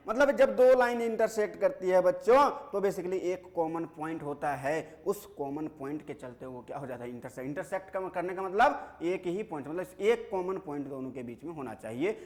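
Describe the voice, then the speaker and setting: A man's voice: a little high, expressive, brisk, few pauses. A man teaching a maths lecture, playfully coaxing his students and asking them questions he then answers himself. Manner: playful and coaxing, calls students "dear children". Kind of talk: classroom lecture.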